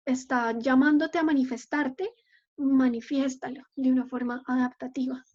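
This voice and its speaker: A woman's voice: high-pitched, warm tone, lo-fi sound. A woman psychologist giving a live online talk and answering questions from the chat, explaining patiently and often checking in with her listeners.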